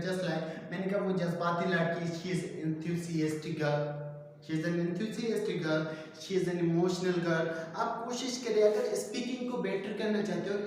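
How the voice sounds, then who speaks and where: A man teaching a basic English grammar lesson, explaining step by step and drawing out the example sentences slowly. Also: high-pitched, a little mellow. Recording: very echoey room, voice far from mic.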